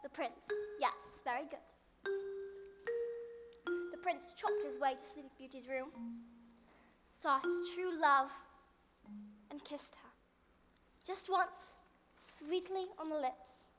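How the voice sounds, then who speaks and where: A woman's voice: sits high, takes it slowly, pauses often, over music. A woman playing an earnest, prim and bossy well-born girl in a stage play. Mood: storytelling. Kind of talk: theatrical stage acting. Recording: echoey theater hall.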